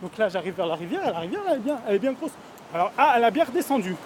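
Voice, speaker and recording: Rambling high-voiced young man on a phone. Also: big pitch swings, rapid-fire. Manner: rambling, self-contradicting and mock-serious, swearing then taking it back. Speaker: vlogger doing a mock street report. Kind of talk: rambling comic monologue. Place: outdoors in a town street at night, near a river. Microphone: phone held in hand. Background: faint river noise.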